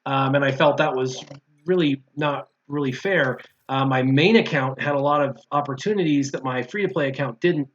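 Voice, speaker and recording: This man, a former mobile game player appearing as a guest in a gaming discussion, speaks at normal speed in a medium-pitched voice. Casual and opinionated, he hammers his points by repeating them, and the audio is dull and lo-fi.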